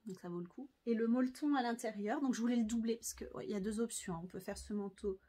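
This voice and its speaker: A woman's voice: fairly high pitch, quick pace, mellow, breathy edge. A French woman talking casually to camera about her sewing, chatty and hesitant, with many fillers. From France. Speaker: sewing vlogger.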